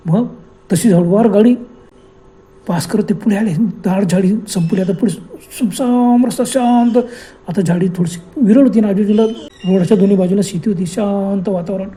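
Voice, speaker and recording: A man's voice: sits high, fairly even intonation, moderate pace, dark tone. A man telling a horror story with a dramatic, suspenseful delivery.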